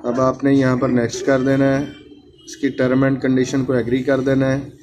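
This flat-voiced man speaks at normal speed in a mid-range voice, leading a hands-on phone repair tutorial step by step. His phrasing is repetitive and instructional, he addresses viewers as friends, and the home recording is noisy.

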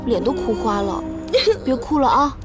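A woman's voice: high-pitched, lively intonation, music in the background. An actress in a TV drama playing a young woman soothing and coaxing her crying friend. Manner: coaxing, soothing, quick and earnest. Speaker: comforting friend and colleague. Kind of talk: TV drama acting.

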